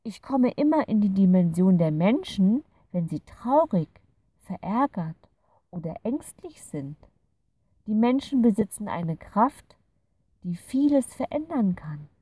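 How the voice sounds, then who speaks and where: Storybook fairy creature, gentle and patient, read by a woman, unhurried, slightly distant mic. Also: mid-range voice, sing-song, slightly rough, no room sound, voice pushed up. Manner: patient, soothing explaining. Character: kind gentle fairy creature from a light dimension.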